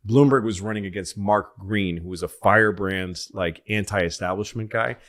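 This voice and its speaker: A middle-aged man from Massachusetts, co-hosting a podcast in casual chat and telling anecdotes in an animated way, acting out the voices of other people. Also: lowish voice, moderate pace. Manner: animated storyteller, acts out voices in his anecdotes. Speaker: podcast co-host.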